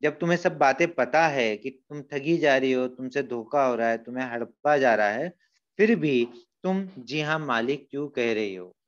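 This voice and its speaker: A man voicing an angry male employer who shouts at his maid, loud and trembling with anger, on a dull lo-fi recording. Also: medium pitch, moderate pace, lightly acted. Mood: sputtering angry.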